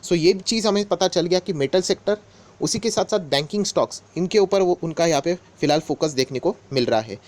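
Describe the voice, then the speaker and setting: Talking fairly quickly to viewers he calls friends, a man with a somewhat high voice gives a relaxed, chatty rundown of stock market news. His Hindi mixes in English words, and he repeats his favorite filler phrases over and over.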